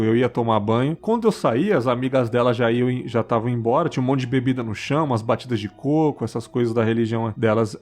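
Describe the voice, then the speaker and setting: A man, hosting a podcast and telling personal stories in a casual, chatty way, often swearing and throwing in "cara" and "né". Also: medium pitch. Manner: chatty, peppers talk with "cara" and "né", swears freely; laughs while telling stories. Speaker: podcast host.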